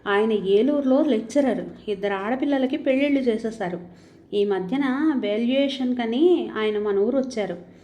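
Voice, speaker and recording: A woman's voice: normal speed, warm tone, close to an everyday voice. A woman voicing a weary, troubled married woman in a spoken storybook, confiding in a bitter tone. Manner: bitter, confiding, low-voiced.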